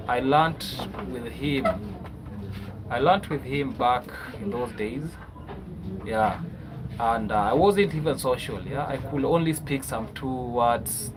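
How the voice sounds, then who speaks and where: Kenyan man chatting on a noisy livestream. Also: mid-range voice. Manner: chatty, tags many phrases with a questioning "yeah?". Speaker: livestream host. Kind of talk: casual livestream chat.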